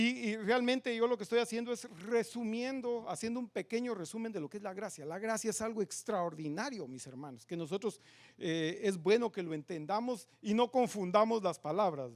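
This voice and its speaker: A man preaching a sermon in a church, asking the congregation many questions and swinging between loud emphatic lines and quiet asides. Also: high-pitched. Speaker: pastor. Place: church sanctuary.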